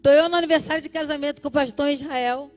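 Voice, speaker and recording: A woman, preaching a sermon in church and telling stories in an animated way, laughing and acting out the voices in them. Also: high voice, fast talker, soft background music. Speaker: pastor. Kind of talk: sermon with personal storytelling. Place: church service.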